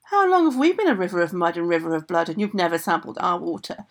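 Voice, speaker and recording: In a storytale, a woman voices aggrieved enchanted household things and servants who refuse orders and reproach their mistress. Her pitch is fairly low, her intonation lively and her pace quick, and she sounds indignant and reproachful.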